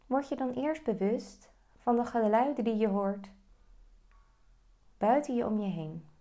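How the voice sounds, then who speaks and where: A woman guiding a meditation, giving slow, calm, soft-spoken instructions. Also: on the high side. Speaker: meditation guide. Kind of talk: guided meditation.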